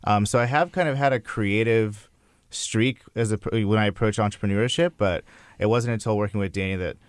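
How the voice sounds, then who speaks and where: A man's voice: lowish voice, fairly quick, clear, resonant tone, no room sound. A young man talking casually as a guest in an interview. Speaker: interview guest, creative entrepreneur.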